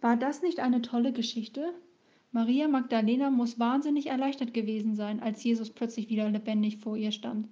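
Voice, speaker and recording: A woman's voice: fairly high pitch, steady tone, moderate pace, dark tone. A woman talking to children in an encouraging way and asking them questions. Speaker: children's service presenter. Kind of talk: friendly talk to children. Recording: dull lo-fi recording.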